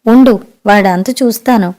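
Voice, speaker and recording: A woman's voice: mid-range voice, normal speed, darkish tone, close to an everyday voice. A woman voicing an irritated middle-aged father in an audiobook story, talking brusquely and dismissively.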